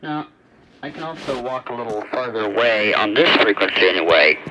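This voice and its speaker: Recorded on a phone camera at varying distance, a man presents a casual hands-on radio demonstration for a hobby video, rambling and thinking aloud as he works. His voice is lowish and a little fast. The lo-fi recording is noisy, with crowd noise, radio static, and shortwave radio noise behind him.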